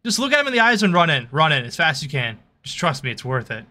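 A man's voice: on the high side, big pitch swings, fast talker. A young man chatting while playing a horror game with a friend, teasing him and yelping when startled. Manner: jumpy, yelps and shouts when startled, teasing. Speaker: gaming co-player. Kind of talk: casual gaming chat. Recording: music over the voice.

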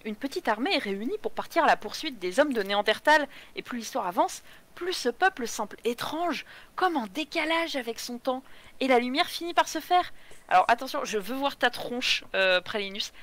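A woman co-hosting a live manga chat who sums up plots in a brisk, sarcastic way. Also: sits high, expressive, a bit bright. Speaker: streamer co-host reviewing manga. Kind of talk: casual chat with scripted summary. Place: live stream.

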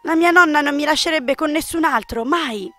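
A small, wide-eyed girl from a romance game, suspicious and easily startled, as a woman reads her part. Her voice sits high and childish. The sound is dry and close, with soft game music under it. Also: normal speed, dry recording. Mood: indignant. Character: little girl, innocent, feisty and suspicious. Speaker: game player reading a character.

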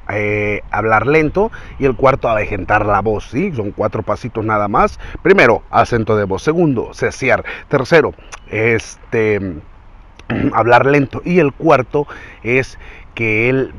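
A man hosting a casual tutorial on doing voice impressions, talking quickly and checking in with the viewer often. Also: fairly low pitch, fairly bright tone. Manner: quick, chatty delivery with frequent check-ins to the viewer. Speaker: voice impression youtuber.

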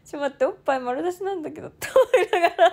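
High, lively young woman telling a story. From Toyama, Japan. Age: 20s. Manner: animated, acts out others' lines, laughs often; fast bursts of quoted speech. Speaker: idol turned streamer. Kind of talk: casual storytelling chat.

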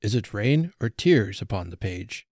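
A man's voice: fairly low pitch, expressive, a little slow, darkish tone, dry recording, studio quality. A man voicing a sorrowful, frail old Father Christmas who talks in a trembling, mournful and pleading way. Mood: sad.

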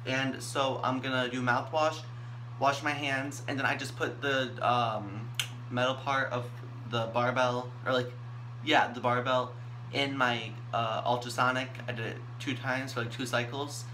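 A man's voice: medium pitch, level tone, measured pace, bright, forceful tone, low-quality recording. A young adult man chatting casually to a camera at arm's length in a small bathroom. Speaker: vlogger. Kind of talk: casual chat. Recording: clear background noise in bathroom.

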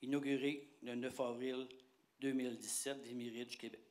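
An older man reads formally at a ceremony. His pitch is medium and he moves in short, measured phrases into a handheld mic. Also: level tone, noisy background. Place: community hall with seated audience. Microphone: handheld microphone.

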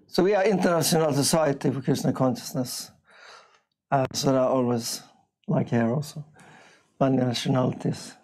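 An older man from Norway with a Norwegian accent, giving an informal spiritual class in a small bright room, speaking haltingly with frequent throat-clearing. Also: mid-range voice, poor audio. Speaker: visiting speaker.

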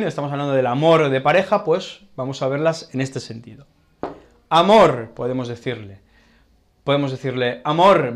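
A man from Spain with a Castilian Spanish accent and a voice on the high side teaches Spanish vocabulary, speaking slowly and repeating words. He checks understanding with short tag questions and writes on a board as he explains.

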